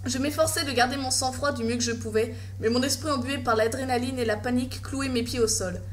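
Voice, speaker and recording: A woman's voice: high-pitched, fairly even intonation, fairly quick, a little hiss or hum. A woman reading a scripted first-person horror story as its narrator.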